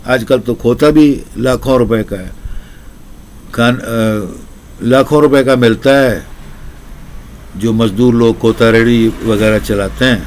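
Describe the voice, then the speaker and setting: A man's voice: mid-range voice, steady tone, pauses often, a little mellow, a little hiss or hum. A man telling a folk tale in a casual spoken style, rambling into commentary with long, repetitive lists. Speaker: storyteller.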